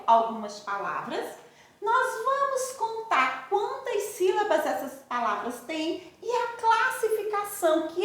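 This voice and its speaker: A Brazilian woman teacher giving a recorded lesson to young pupils, affectionate and sing-song, addressing them slowly and warmly. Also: very high voice. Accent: Brazilian Portuguese. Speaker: primary school teacher. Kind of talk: recorded remote lesson for children. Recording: echoey room.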